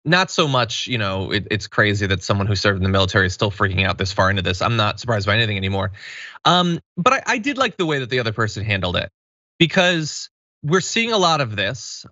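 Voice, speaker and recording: An American man in his thirties gives measured, conversational commentary as a host. His voice is bright and of middle pitch, in a dry, slightly dull recording. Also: dry recording. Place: small indoor studio.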